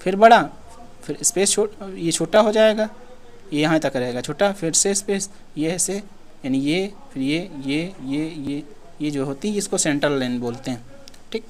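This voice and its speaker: A man's voice: a little high, lively intonation, moderate pace. A man teaching an exam-prep lesson in a casual way, asking questions and answering them himself. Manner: casual, repeats himself, asks and answers his own questions.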